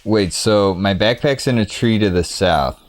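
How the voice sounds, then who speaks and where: A man's voice: fairly low pitch, unhurried. A man giving casual, rambling commentary as he plays a video game, thinking aloud in a playful way. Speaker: gaming streamer.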